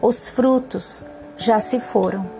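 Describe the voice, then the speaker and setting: A woman voicing a gentle, giving female tree in a storybook, speaking tenderly and softly pleading. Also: on the high side, takes it slowly, creaky, soft background music. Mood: apologetic. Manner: tender, soft-spoken, pleading.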